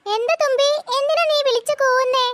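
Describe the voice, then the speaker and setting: A performer voicing a patient cartoon mother who gently scolds her children. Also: fairly quick. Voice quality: very high-pitched. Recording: loud background hiss.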